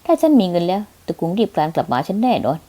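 A woman's voice: very animated, quick pace. A woman doing a bitter scheming young man. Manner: low, quiet and resentful.

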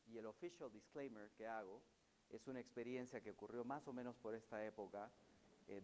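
This middle-aged man from Peru has a Peruvian Spanish accent mixed with Mexican, and his voice is fairly low with a darkish tone. He gives an academic conference talk in a conversational way, with casual anecdotes and frequent fillers. The audio is poor, with slight background noise in a large hall.

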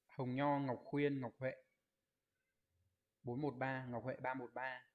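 A man leads an online Japanese exam review, explaining each answer step by step. He keeps checking in with his students through rhetorical questions. His voice sits at a middle pitch, and he rattles off the viewers' answers in quick lists. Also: level tone, narrow, tinny audio. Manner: reads out viewers' comment answers in a quick list. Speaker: Japanese language teacher.

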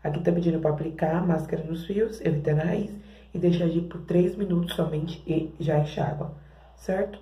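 Woman, Brazilian accent, casual vlogger, very dark warm tone, echoey bathroom sound. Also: lowish voice, fairly even intonation, a little fast. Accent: Brazilian Portuguese. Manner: chatty, keeps addressing viewers as "gente". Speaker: hair care vlogger. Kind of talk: casual product-testing vlog. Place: home bathroom.

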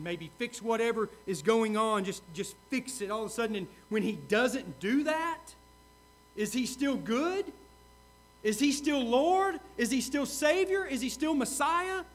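A male pastor preaching a sermon, earnest, repeating key questions and swinging from loud to hushed. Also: high-pitched, unhurried.

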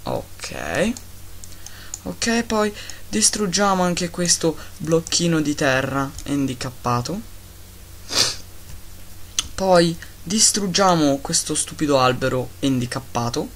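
A man giving casual, excitable gameplay commentary, talking to his pets and grumbling at lag. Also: a little high, takes it slowly, long pauses, a little hiss or hum. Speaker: Minecraft let's-player.

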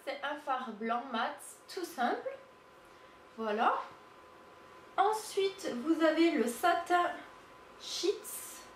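A woman giving a casual makeup swatch demo, halting with many fillers and gushing over the colors. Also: high voice. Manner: hesitant, lots of fillers, gushing. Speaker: beauty vlogger. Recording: echoey room, mic at a distance, faint hiss.

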